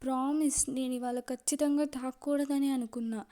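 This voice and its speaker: Woman doing a tearful young heroine in a romance audio story, begging forgiveness in a trembling, mellow, highish voice. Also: steady tone, moderate pace, close to an everyday voice. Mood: tearful pleading. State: crying, voice breaking.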